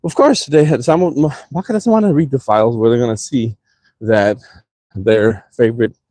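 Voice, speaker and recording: A man's voice: mid-range voice, dark tone, dry recording. A man with a slight accent, ranting heatedly and profanely in a casual vlog, talking from his car. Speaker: vlogger.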